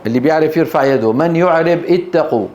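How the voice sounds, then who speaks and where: In a Grozny classroom, a male Quran teacher gives a lesson, often prompting the class with short questions and drawing out recited words. He talks fast in a high-leaning, darkish voice, and the echoey room carries a faint hiss.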